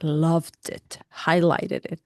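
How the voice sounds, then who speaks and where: A woman co-hosting a reflective spiritual podcast, speaking English as a second language, passionate and animated, laughing often. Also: deep voice, slow, dry recording, studio quality. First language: not English. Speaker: podcast co-host. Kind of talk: casual reflective conversation.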